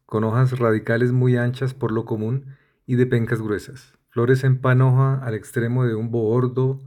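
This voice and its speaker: A man reading dictionary entries aloud in a measured way, spelling out the end of each word. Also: medium pitch, darkish tone. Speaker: dictionary reader.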